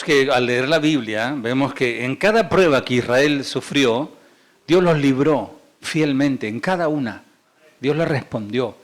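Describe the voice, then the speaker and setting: A man with a Rioplatense accent preaching a sermon as pastor in a church, firing rhetorical questions and dropping to soft asides. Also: a little high. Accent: Rioplatense Spanish. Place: church sanctuary.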